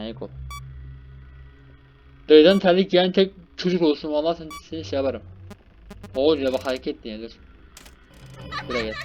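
A young man hosting a gaming channel, giving excited live commentary on a horror game and scolding its characters. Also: mid-range voice, highs cut off. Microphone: desk microphone.

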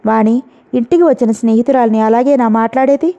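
An angry husband scolds in a stern tone, played by a woman reading a novel. The voice stays mellow and somewhat high. The sound is dull and lo-fi. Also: quick pace, lightly acted. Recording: dull lo-fi audio.

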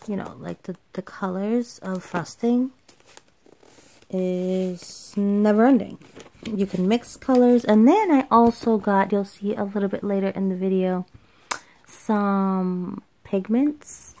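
A woman's voice: medium pitch, dark tone, slight background noise. A woman doing a casual voiceover for her craft haul video, tired, rambling and correcting herself as she goes. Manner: rambling, self-correcting, with fillers. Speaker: craft vlogger. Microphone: home voiceover microphone.

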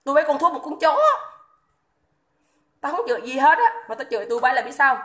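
Angry Vietnamese woman, high bright voice, coarse repetitive phone livestream rant. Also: a little fast. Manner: shouting insults, coarse swearing, repetitive.

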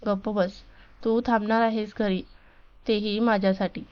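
A woman's voice: mid-range voice, flat delivery, smooth, muffled recording, close to an everyday voice. A woman voicing a young woman who pouts and scolds her fiancé lovingly, in a storybook reading. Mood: pouting. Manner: pouting, quick to scold.

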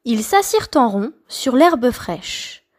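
A woman reading a children's story aloud, slowly and expressively. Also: fairly high pitch, very animated.

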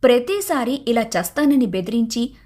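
A woman's voice: on the high side, normal speed. Woman narrating a cartoon story. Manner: even, storytelling narration between dialogue.

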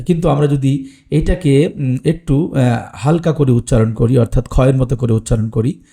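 A man's voice: mid-range voice, vocal fry, mellow. A man teaching English pronunciation in an online lesson, explaining plainly with frequent "ah" fillers. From Bangladesh or West Bengal.

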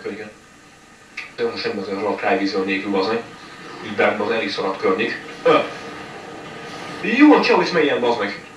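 A man giving live commentary on his own playthrough of a shooter game, swearing constantly and breaking into frustrated outbursts. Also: on the low side. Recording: echoey room, mic far off, faint noise.

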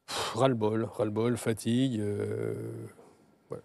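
Older man, gruff and blunt, dark mellow voice, dry close sound. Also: on the low side, flat delivery, dry recording. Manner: gruff, blunt, halting, repeats words. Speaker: novelist guest. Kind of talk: televised literary talk. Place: TV studio.

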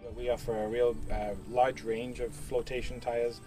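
A man's voice: mid-range voice, little pitch movement, normal speed, recorded from a distance, over music. A man in his thirties, a product specialist giving a casual outdoor equipment demo, with frequent fillers. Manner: casual, many fillers, explanatory. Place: outdoors at a farm equipment show.

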